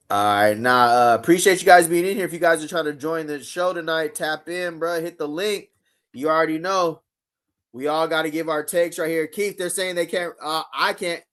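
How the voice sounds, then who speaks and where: A man's voice: a little high, normal speed, fairly bright tone. A man hosting a live fan show in a casual, laid-back way, using slang and reading chat comments aloud. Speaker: show host.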